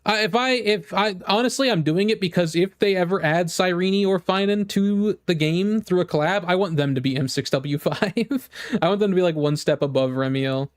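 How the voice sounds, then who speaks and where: Speaking in a high-pitched voice at an ordinary pace, a male game streamer goes on a fan-style rant to his audience. He rambles loosely, circles back on the same phrases, and leans heavily on "like" as he voices emphatic opinions.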